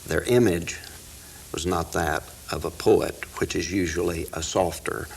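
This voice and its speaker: A man from the United States talks as an expert guest in an interview, telling things in a folksy, deliberate way. His voice is low and full of gravel, over faint background noise. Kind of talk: informal interview talk with recited verse.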